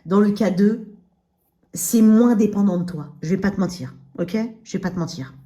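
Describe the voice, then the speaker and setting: A woman's voice: medium pitch, normal speed, dark tone. A woman giving a casual tarot reading straight to the listener, speaking with dental braces in that slightly slur her words and often checking in with short tags. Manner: addresses listener directly with frequent check-in tags. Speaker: tarot reader.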